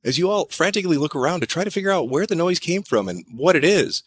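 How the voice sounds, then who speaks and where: A man's voice: on the high side, expressive, fast, slightly rough, dry recording. A man narrating a campfire horror tale in second person, dry and sardonic, with crude joking asides.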